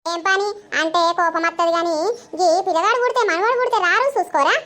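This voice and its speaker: Woman doing a fussy tired mother-in-law from a village cartoon, telangana accent, super high bright voice. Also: fast. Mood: grumbling. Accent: Telangana Telugu. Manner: fretting, grumbling chatter.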